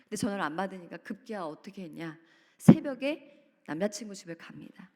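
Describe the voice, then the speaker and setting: A woman's voice: mid-range voice, expressive, brisk. A woman speaker at a church family seminar retells a story dramatically, acting out quotes with sudden leaps in her voice. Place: church retreat center hall. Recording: reverberant hall.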